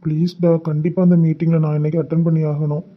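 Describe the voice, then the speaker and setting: A soft-spoken young man in a cartoon, voiced by a performer coaxes and pleads in a mid-pitched voice with a Kanyakumari Tamil accent. The audio is a little dull and lo-fi. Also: level tone, quick pace, close to an everyday voice. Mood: pleading. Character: gentle young man, apologetic husband and caring brother. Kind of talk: cartoon voice acting.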